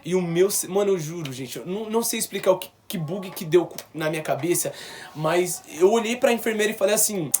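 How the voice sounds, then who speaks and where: Animated Brazilian young man, slightly high. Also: brisk, faint music behind. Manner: animated, slangy, acts out quoted dialogue. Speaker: YouTuber. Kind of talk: personal storytelling vlog.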